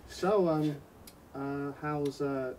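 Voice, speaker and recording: A man's voice: a little high, fairly even intonation, very slow, a little mellow. An actor playing a blunt, easygoing male friend chatting casually in a pub. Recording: distant sound, faint noise.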